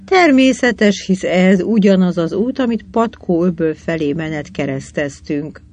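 A storybook reader voicing a young girl in a children's adventure, lightly raised in pitch. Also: lively intonation, a little mellow, natural voice. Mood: knowing. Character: young girl ship's boy, quick and lively.

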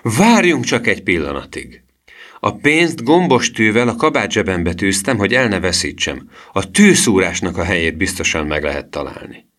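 A man voicing an agitated young boy in an audiobook reading, with shrill, excited outbursts. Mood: indignant.

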